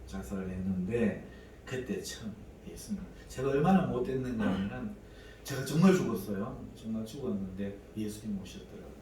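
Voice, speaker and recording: A man's voice: on the low side, a little fast, dark tone, a little hiss or hum. A man, preaching a sermon and telling a personal testimony with dramatic, acted-out prayers. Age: 40s. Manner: dramatic storytelling, acting out prayers and quoted voices. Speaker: pastor. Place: church sanctuary. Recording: echoey church hall, mic at a distance, faint room ambience.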